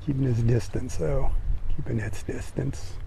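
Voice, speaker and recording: Older man, gravelly, musing on a beach walk. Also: mid-range voice, moderate pace, a little hiss or hum. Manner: relaxed, admiring running commentary. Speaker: vlogger walking the beach. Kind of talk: casual live-stream commentary. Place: outdoors on a sandy beach by the sea. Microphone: phone held while walking.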